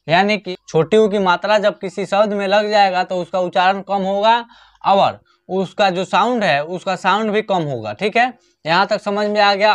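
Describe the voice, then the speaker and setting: Guy teaching hindi online, kinda high voice, keeps asking then answering himself. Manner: repetitive, asks and answers his own questions. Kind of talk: online lesson.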